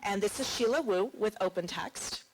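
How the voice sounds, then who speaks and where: A woman's voice: mid-range voice, normal speed, a little hiss or hum, poor audio. A woman, a conference marketing director, giving a welcome speech from the stage and telling a chatty anecdote.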